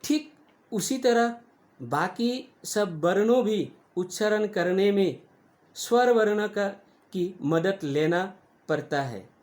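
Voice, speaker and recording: Slow teacher spelling out letters. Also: medium pitch, animated, darkish tone. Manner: stretches sounds to demonstrate vowel length. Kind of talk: grammar lesson for children.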